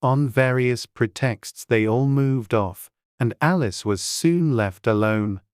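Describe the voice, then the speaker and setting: A woman's voice: rumbling low, slow, a little mellow, no room sound, clean studio sound. A woman narrating a classic storybook in a dramatized audiobook reading.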